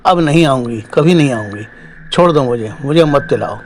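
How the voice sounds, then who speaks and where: A man's voice: mid-range voice, lively intonation, normal speed, a little hiss or hum, natural voice. A man voicing a young woman possessed by a spirit, taunting and threatening in a storybook horror tale. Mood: pleading. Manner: taunting, then pleading.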